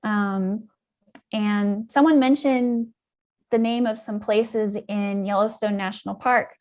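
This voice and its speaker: A woman's voice: medium pitch, steady tone, slow, a little mellow. A woman scientist telling a story in an interview, thoughtful, with frequent ums and you-knows, and livelier when she recounts key moments. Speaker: guest scientist.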